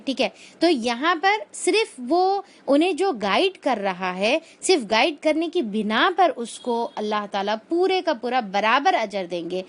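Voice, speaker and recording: A woman giving a religious lesson, explaining verses with everyday examples and frequent filler phrases. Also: fairly high pitch. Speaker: Quran teacher.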